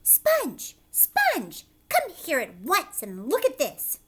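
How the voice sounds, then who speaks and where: A bossy older aunt from a children's storybook, acted out by a woman reader. She shouts in urgent, excited exclamations, her high voice swooping sharply up and down. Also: takes it slowly, background noise, exaggerated voice. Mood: excited, shrill.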